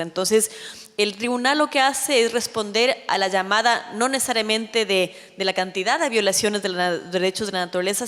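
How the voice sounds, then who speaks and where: A woman's voice: mid-range voice, a bit bright. Woman, formal public address, earnest, many fillers, long hall reverb. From Ecuador. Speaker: secretary of an ethics tribunal presenting to lawmakers. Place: legislative chamber hall.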